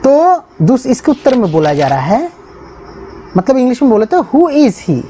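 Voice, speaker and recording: A woman's voice: on the high side, sing-song, normal speed, dark tone, slight background noise. A woman teacher explaining a textbook lesson, reading each phrase aloud and then translating it word by word.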